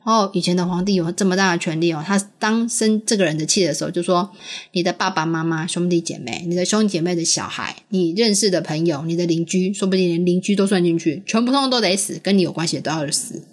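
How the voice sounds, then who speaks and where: A mother chats with her small daughter about a story in a rather low voice. She asks patient questions and laughs easily. She sounds like a woman in her thirties. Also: fast. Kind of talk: casual storytelling chat with a child.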